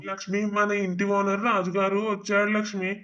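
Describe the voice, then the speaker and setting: A man's voice: high voice, completely flat delivery, fairly quick, pushed and bright, lo-fi sound. A man voicing a humble, desperate young husband in a cartoon, polite and pleading. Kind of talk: animated cartoon voice acting.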